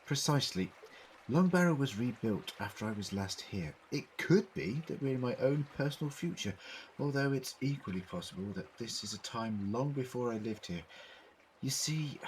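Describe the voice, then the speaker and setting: An actor in a fan audio drama playing an eccentric, brainy alien time traveller, explaining things theatrically in precise words. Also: male voice, mid-range voice, animated, moderate pace, slight background noise, natural voice, poor audio.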